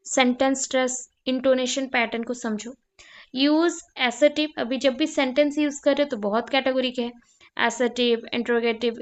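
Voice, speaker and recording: High-voiced woman explaining lesson points. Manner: mixes English terms into Hindi, lists items one by one. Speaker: teacher. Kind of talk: explaining lecture notes.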